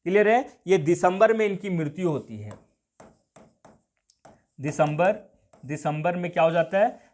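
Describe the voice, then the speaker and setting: A man's voice: high voice, expressive, unhurried, darkish tone. A man teaching an exam coaching class, who keeps repeating points and asks his own questions before he answers them, with a Jharkhand Hindi accent. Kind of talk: classroom lecture.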